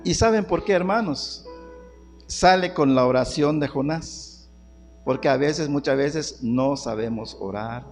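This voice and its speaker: A man's voice: fairly high pitch, measured pace, long reverb tail, faint music behind. A man preaching a sermon, calling on the congregation as brothers and repeating phrases for emphasis.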